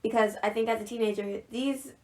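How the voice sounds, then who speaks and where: A teenage girl with a slightly high voice co-hosts a casual podcast. She talks in a loose, chatty way, full of fillers, and laughs often as she goes. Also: steady tone, brisk, darkish tone. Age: teens. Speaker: podcast co-host.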